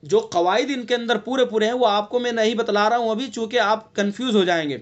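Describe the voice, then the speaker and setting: An Indian man teaching recitation online explains things patiently, then breaks into long, drawn-out chanting. His voice is high, and the recording has its highs cut off.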